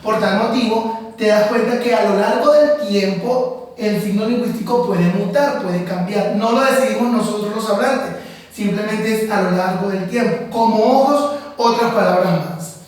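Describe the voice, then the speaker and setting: Male teacher for a class lesson, slow and deliberate explainer, very echoey room, off-mic. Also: high-pitched, far from the mic.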